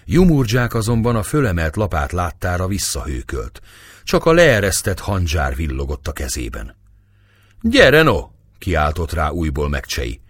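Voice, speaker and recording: Man, audiobook narrator, expressive, deep voice, wide lively pitch. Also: husky, no room sound, clean studio sound. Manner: expressive, storytelling delivery. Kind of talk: dramatic novel reading.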